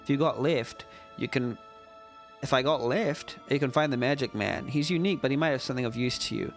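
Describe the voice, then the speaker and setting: A man reading aloud the lines of a helpful town guide in a game, brisk and explanatory. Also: mid-range voice, soft background music, close to an everyday voice.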